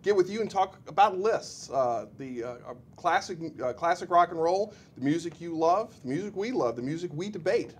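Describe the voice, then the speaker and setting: A man co-hosting a casual music chat, animated and jokey, with plenty of fillers and restarts. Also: on the high side, moderate pace, hardly any pauses, a little hiss or hum. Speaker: co-host, web producer.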